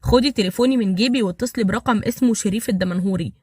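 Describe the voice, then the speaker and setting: A woman's voice: mid-range voice, rapid-fire, darkish tone, husky, no room sound, clean studio sound, lightly acted. A woman doing a defiant Egyptian mafia man. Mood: urgent. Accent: Egyptian Arabic. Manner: cool, defiant and blunt. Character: tough fearless male mafia smuggler.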